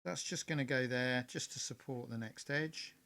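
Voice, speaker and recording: A man's voice: mid-range voice, moderate pace, vocal fry, bright, forceful tone, a little hiss or hum. A man hosting a live-streamed model railway crafting demonstration, talking in a rambling, chatty way full of fillers and self-corrections. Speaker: model railway hobbyist host.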